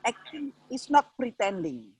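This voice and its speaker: Woman host, husky lively voice, keeps saying yes yes, dry sound. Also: on the high side, slow, dry recording. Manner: frequent short agreeing replies. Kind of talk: casual interview.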